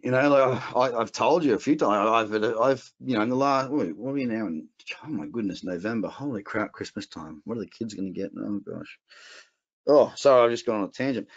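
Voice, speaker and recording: A man's voice: on the low side, fairly quick. A man with an Australian accent teaching a casual trading webinar, blunt and rambling, with frequent restarts. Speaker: trading educator. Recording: dull lo-fi webinar audio.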